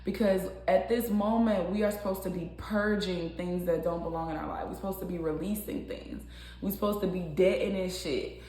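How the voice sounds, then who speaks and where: A woman's voice: on the low side, moderate pace. Chatty woman reading tarot, echoey room. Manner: animated, repetitive, laughs often. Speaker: tarot reader. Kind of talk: casual spiritual tarot reading.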